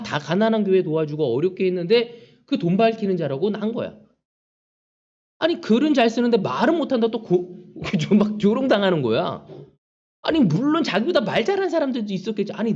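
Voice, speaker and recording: A man's voice: sits high, darkish tone, muffled recording. A male pastor preaching a sermon, acting out prayers and the taunts of others as he goes. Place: church sanctuary.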